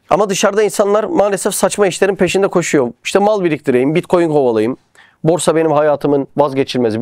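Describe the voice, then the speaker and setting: A man's voice: a little high, a little mellow, no room sound, clean studio sound. A man preaching a religious talk, telling stories with rhetorical questions and acting out the voices he quotes.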